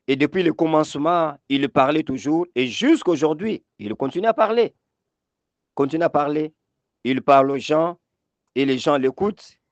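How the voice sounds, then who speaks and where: A man's voice: fairly high pitch, no echo, dull audio. Emphatic preaching man, dry sound. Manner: emphatic preaching with repetitions and calls for amen. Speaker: pastor. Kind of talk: sermon.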